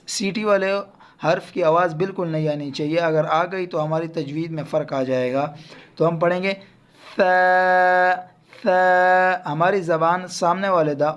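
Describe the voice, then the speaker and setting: With a high, slightly bright voice and a Pakistani Urdu accent, a man guides children through Quran letter pronunciation. He lingers on each letter sound between explanations.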